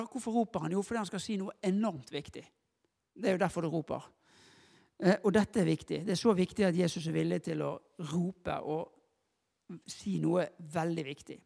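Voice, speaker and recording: A man's voice: high voice, gravelly. A man giving an informal sermon, talking conversationally and asking the congregation questions. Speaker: preacher. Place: church hall with long reverb. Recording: echoey hall.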